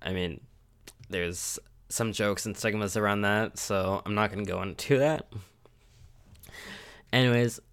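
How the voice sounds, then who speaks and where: Young guy with a cold doing a solo podcast, stuffy sniffly voice, kinda low, blunt and cusses, chuckles at himself. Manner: candid and blunt, swears, laughs at himself. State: sick, congested and sniffling. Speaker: podcast host. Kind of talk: casual solo podcast monologue.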